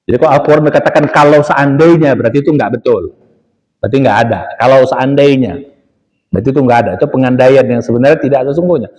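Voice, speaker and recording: A middle-aged man giving a religious study talk, explaining Quran recitation slowly, drawing out words and asking his listeners questions. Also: mid-range voice, darkish tone, poor audio. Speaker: Islamic preacher.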